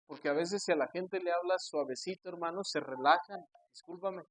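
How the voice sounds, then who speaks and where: A man preaching as a pastor, telling stories and acting out his church members' voices, swinging from hushed storytelling to loud emphatic preaching. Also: high-pitched, a little fast, dry recording, poor audio. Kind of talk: sermon.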